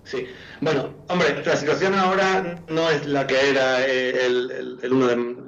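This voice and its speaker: A man with an Andalusian accent answering interview questions in a measured, hesitant way, often repeating words as he explains. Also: medium pitch, flat delivery, fairly bright tone. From Andalusia, Spain. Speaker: doctors' union president, interviewee. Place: remote call into a TV programme. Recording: muffled lo-fi call with clear noise.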